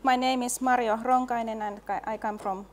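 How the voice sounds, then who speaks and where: A middle-aged woman giving a conference presentation in a measured way, pausing often to hesitate. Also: fairly high pitch, steady tone, slight background noise. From Finland. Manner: slow, measured, with frequent hesitations. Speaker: laboratory and design specialist, presenter.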